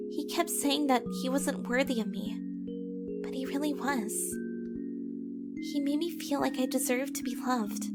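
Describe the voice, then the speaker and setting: A woman voices a tender, fragile young heroine in an audio drama, confiding the story of her past with earnest emotion. Her voice sits high.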